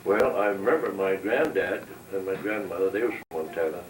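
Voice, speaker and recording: A brisk, low-voiced man from North Dakota, a veteran in his 70s or older, shares his recollections for an oral history in an unadorned, matter-of-fact way. A distant microphone leaves the sound roomy and hissy.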